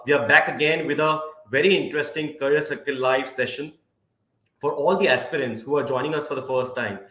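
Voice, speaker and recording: A man's voice: medium pitch, a bit bright. A man moderating an online career session over a conference call, speaking formally with frequent filler sounds. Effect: conference call audio. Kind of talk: hosting an online career webinar. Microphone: video call. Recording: roomy conference call audio.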